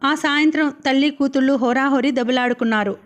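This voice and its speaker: A woman narrates a novel for an audiobook. Her voice sits high and her telling is steady and expressive. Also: quick pace. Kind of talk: novel reading.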